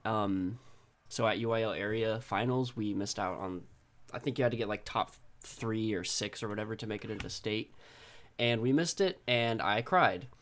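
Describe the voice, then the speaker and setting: A man's voice: lowish voice, normal speed, fairly bright tone, slight background noise. A young man from Texas co-hosting a podcast, telling personal stories in an informal, laid-back way. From Texas, United States. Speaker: podcast co-host. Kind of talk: casual personal storytelling.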